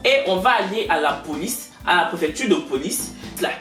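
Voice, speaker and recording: A young woman tells a story with lively, swooping intonation, acting out each side of the exchange and laughing along the way. She sits some distance from the mic in a echoey room. Faint music plays underneath. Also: lowish voice, moderate pace. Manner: lively, acts out dialogue, laughs mid-story. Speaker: vlogger. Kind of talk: animated comic storytelling.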